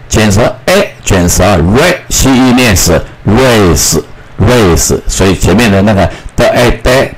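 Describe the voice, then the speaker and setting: A man teaching schoolchildren English phonics, repeating each word slowly and drilling the sounds. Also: on the low side, a little hiss or hum, poor audio. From Taiwan.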